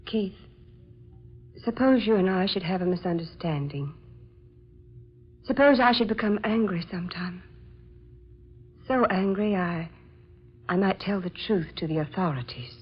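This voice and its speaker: Husky, uneasy woman in radio drama. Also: medium pitch, expressive, measured pace, long pauses. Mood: troubled. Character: uneasy young lover of a killer. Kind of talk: 1940s radio horror acting. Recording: muffled vintage 1940s radio recording.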